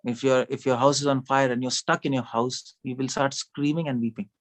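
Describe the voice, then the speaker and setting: Male speaker, mid pitch, chatty sermon style, quizzes the audience, laughs a lot. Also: fairly even intonation, a little fast. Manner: conversational, asks the audience questions, laughs often. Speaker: speaker at a devotional gathering.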